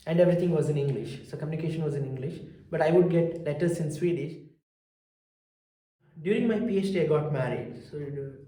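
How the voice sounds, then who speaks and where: A middle-aged man with a South Indian accent gives a personal account in an interview, speaking in a halting, reflective way and repeating phrases. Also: a little high, dark tone. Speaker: interviewee, immigrant entrepreneur. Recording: roomy, echoing sound.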